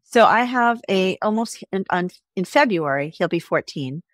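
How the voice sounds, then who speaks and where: Lady vet guest on a podcast, animated, keeps saying right?, dry close mic. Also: mid-range voice, normal speed, no room sound. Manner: animated, tags lines with "right?", acts out pets' voices. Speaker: veterinarian guest. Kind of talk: casual interview chat.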